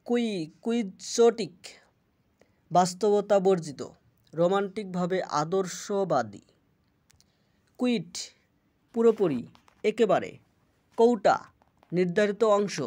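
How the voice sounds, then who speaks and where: A teacher reads out a vocabulary list at an extremely slow, measured pace, pausing after every single word. The pitch sits in a middle range. Now and then a word is started over and said again more carefully. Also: lively intonation, a little mellow. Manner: slow, deliberate word-by-word reading with self-corrections. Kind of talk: reading word lists with meanings.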